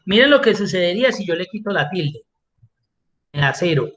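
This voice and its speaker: A man's voice: high-pitched, lively intonation, normal speed, fairly bright tone. A man teaching an online class as an instructor, explaining step by step and answering his own questions. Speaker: Excel instructor.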